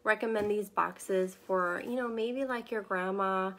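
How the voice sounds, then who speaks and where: Congested woman, chatty product consultant, gravelly fry in her voice, rambling delivery. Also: medium pitch, fairly even intonation, measured pace, a bit bright. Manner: chatty and rambling, with many ums. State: congested from a sinus infection. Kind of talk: casual live unboxing chat.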